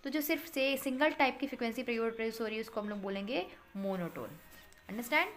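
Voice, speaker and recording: High-voiced woman teaching a physics lesson. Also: animated, a bit bright, faint music behind. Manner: explains in Hindi, slowly reads English textbook lines; addresses students as beta, checks with "है ना".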